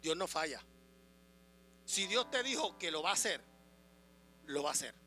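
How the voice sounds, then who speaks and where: A man preaching a sermon as a pastor, swinging between loud proclamation and quiet asides, asking the congregation questions. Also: a little high, sing-song, moderate pace. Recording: music and mains hum behind.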